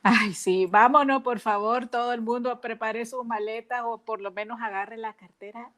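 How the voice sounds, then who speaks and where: A woman's voice: fairly high pitch, steady tone, normal speed, fairly bright tone. A woman hosting a podcast in a casual, enthusiastic, chatty way. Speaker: podcast host.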